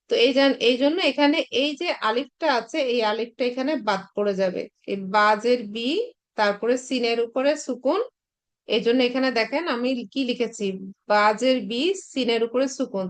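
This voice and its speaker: Woman teaching patiently. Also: a little high. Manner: patient, repetitive explanation with many fillers. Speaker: Arabic teacher. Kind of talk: recorded online class lecture.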